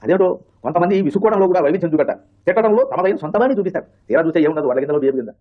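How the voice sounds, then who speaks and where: Quick male narrator introducing sketches. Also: high-pitched, lively intonation, phone-quality sound. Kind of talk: comic narration between sketches.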